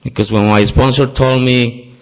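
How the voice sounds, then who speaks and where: With a mid-range voice, steady tone, and moderate pace, a man from Costa Rica addresses a recovery meeting in a meeting hall. A native Spanish speaker with a Costa Rican Spanish accent, he offers an earnest personal testimony and makes light of himself.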